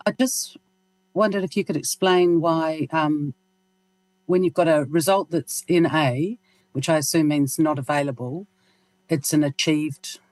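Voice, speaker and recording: A woman's voice: low-pitched, a little mellow, no echo. A woman with a New Zealand accent, a councillor politely asking questions at a meeting, slightly hesitant.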